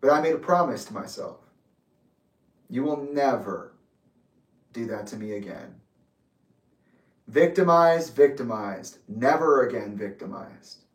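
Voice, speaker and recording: A man's voice: medium pitch, animated. Intense man in his twenties, echoey room. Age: 20s. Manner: intense, accusatory, deliberate. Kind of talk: emotional personal reflection. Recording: echoey room, distant mic.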